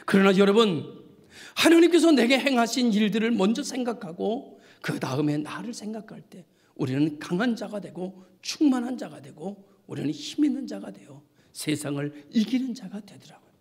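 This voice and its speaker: A male pastor giving a sermon, preaching with passion and swinging from hushed whispers to near shouts. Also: high voice, animated, moderate pace, slightly rough. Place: church sanctuary.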